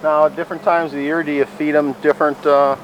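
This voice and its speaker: Guy on a tour asking stuff, folksy and interested, highish voice, pretty noisy recording. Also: little pitch movement, quick pace, highs cut off. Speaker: tour visitor asking questions. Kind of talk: casual chat.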